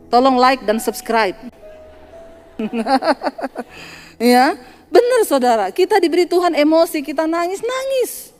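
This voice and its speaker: A woman pastor delivers a sermon in a high voice, telling stories and playing out the dialogue. Her voice carries a long reverb from a hall, with faint music underneath. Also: a little mellow. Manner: storytelling, acting out dialogue with laughter.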